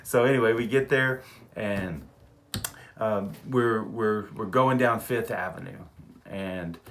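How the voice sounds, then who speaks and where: Gravelly man telling a story. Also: lowish voice, takes it slowly, a little hiss or hum. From Texas. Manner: animated storyteller who chuckles often and repeats words. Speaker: vlogger. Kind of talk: casual storytelling.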